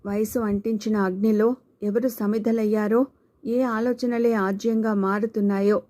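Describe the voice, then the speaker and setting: A woman narrating a novel as an audiobook, with a measured, literary reading. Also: medium pitch, little pitch movement, dark tone. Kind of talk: scripted narration.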